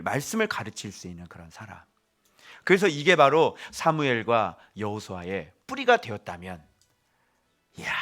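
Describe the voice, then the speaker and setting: A male pastor preaching a sermon in an animated, exclamatory way, often putting questions to the congregation. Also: medium pitch.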